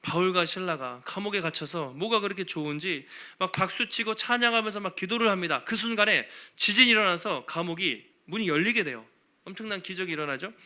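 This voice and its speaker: Male pastor delivering a Sunday sermon with a bright, piercing tone. He is animated, acts out the speakers in his stories, and laughs lightly between phrases. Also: high voice. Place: church sanctuary.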